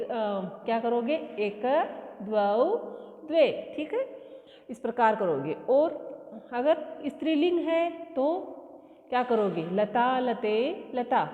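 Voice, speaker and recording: A woman teaches a school lesson, working through exercises step by step and asking questions she answers herself. Her voice sits high, and the tinny, phone-like recording carries a long reverb, as if made in a large bare room. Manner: asks questions and answers them herself, slow repetitive explaining. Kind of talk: classroom lesson explaining exercises.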